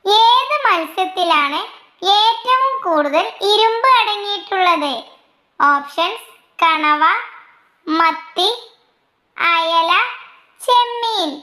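A woman reading out quiz questions, their options and the answers in a slow, measured way, dropping her pitch for each list of options. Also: expressive, pushed and bright, roomy sound. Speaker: quiz reader.

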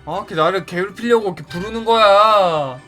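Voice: mid-range voice, brisk, bright, forceful tone, close to an everyday voice. An actor playing a timid, gullible bullied schoolkid in a Minecraft skit, stammering and thinking aloud. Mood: grumbling. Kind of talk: acted Minecraft skit dialogue. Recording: music behind the voice.

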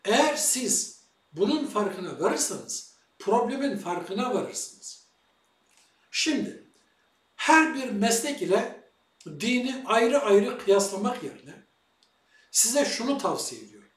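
A man's voice: extremely high pitch, big pitch swings, takes it slowly, long pauses. A man giving a lecture-style monologue as a religious commentator, posing rhetorical questions to his viewers. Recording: echoey room, far from the mic.

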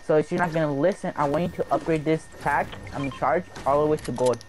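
A man's voice: fairly high pitch, fast, slight background noise, low-quality recording. A man casually bossing a friend around during a game, teasing and giving orders over a voice call. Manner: bossy, teasing.

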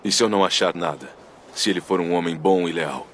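An actor playing a stoic, honourable and solemn Viking warrior in a video game. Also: male voice, deep voice, quick pace, fairly bright tone, a little hiss or hum. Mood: grave, measured. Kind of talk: dramatic video game dialogue.

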